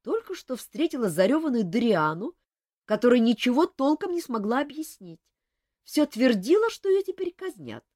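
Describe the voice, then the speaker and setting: Woman doing a sharp, inquisitive court lady. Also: fairly high pitch, sing-song, moderate pace, breathy edge, no echo, clean studio sound, voice pushed up. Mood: insistent.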